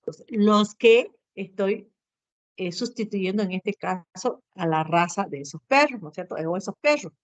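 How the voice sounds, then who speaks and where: A woman's voice: medium pitch, moderate pace, no room sound. A woman teaching a Spanish grammar class to students, explaining patiently and tagging her sentences with short questions. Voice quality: keeps adding tag questions, asks and answers herself. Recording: dull, lo-fi, dry sound.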